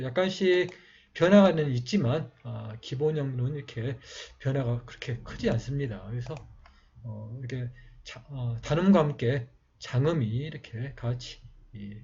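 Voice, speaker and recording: A man slowly explaining how to write letters in a lesson, pausing often with fillers. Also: mid-range voice, mellow, slightly rough. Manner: slow, halting explanation with many fillers. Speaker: teacher. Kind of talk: calligraphy writing lesson. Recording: dull lo-fi recording.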